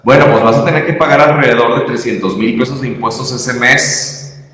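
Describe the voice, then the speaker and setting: A man's voice: mid-range voice, brisk, a bit bright. Man, Mexican accent, emphatic, explanatory, many fillers, very echoey room, long reverb. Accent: Mexican Spanish. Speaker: guest. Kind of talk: conversational interview.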